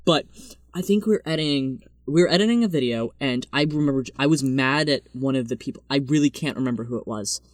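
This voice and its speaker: A man's voice: mid-range voice, fast talker, dry recording, clean studio sound. A man co-hosting a podcast, telling self-deprecating stories in a rambling, casual way full of fillers. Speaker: podcast co-host.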